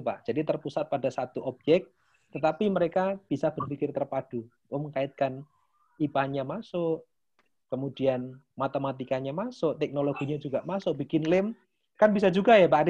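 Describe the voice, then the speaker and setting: A man's voice: on the high side, dark tone, muffled recording. Chatty man explaining on a call, lilt. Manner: casual and chatty, ends phrases with Pak. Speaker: teacher trainer leading an online session. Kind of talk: explaining to teachers in a video call.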